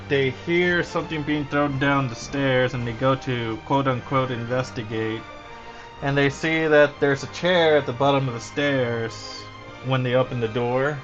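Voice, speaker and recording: A man's voice: mid-range voice, fairly bright tone. A man chatting casually while drawing on a livestream, rambling through an amused story. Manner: chatty, amused, often laughs mid-story. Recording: dull lo-fi with faint music.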